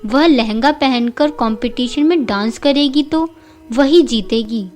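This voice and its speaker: A woman's voice: sits high, takes it slowly, darkish tone, soft background music. A woman voicing a jealous young woman who schemes against her rival and mocks her. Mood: scheming. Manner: spiteful and mocking.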